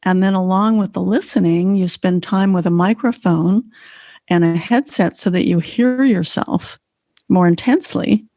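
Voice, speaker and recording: A woman's voice: lowish voice, normal speed, dark tone, dry recording, studio quality. A woman co-hosting a podcast as a Feldenkrais teacher, explaining in an earnest, conversational way. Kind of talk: casual conversation.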